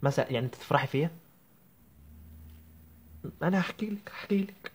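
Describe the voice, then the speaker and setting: A man's voice: a little high, animated, slightly rough. A man with an Egyptian Arabic accent voicing a young newlywed woman who complains to her mother on the phone in a comic sketch, whiny and indignant. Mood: upset, whiny. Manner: whiny, indignant, rapid rambling. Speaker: comedian.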